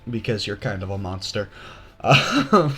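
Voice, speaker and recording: A man's voice: fairly low pitch, sing-song, measured pace, pushed and bright, breathy edge. A young man narrating as game master, hesitant and full of fillers. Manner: hesitant, many fillers, laughs often.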